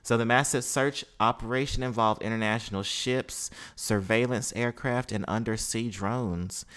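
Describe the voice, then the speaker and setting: A man hosting a podcast, reading news aloud and breaking off to comment in a relaxed, informal way. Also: medium pitch, moderate pace, clean tone. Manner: reads news passages then comments informally. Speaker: podcast host.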